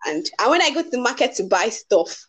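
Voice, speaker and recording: A young woman with a Nigerian accent, a designer chatting as a guest, playful and quick to laugh. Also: on the high side, big pitch swings, fairly bright tone. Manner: playful, laughs easily, dry humor. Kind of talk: casual chat.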